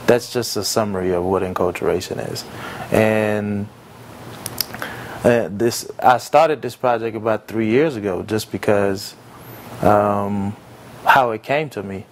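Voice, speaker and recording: Interviewed about his work as an entrepreneur, this young man, Haitian-born and American-raised, replies in a sincere, thoughtful way full of pauses and fillers. His voice is on the low side, and there's a little hiss or hum.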